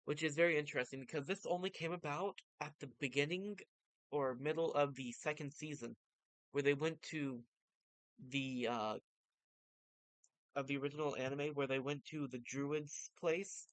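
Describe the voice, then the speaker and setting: A man's voice: on the high side, fairly even intonation, normal speed, smooth, dry recording. A man narrating and commenting on a story in a casual, informal way, like an enthusiastic fan. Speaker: vtuber reading and commenting on manga.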